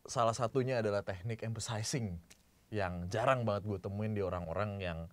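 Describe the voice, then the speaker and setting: A man hosting a casual podcast chat about voice technique, slangy and lively, jumping his pitch up and down as he demonstrates. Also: a little fast, no echo. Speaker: podcast host.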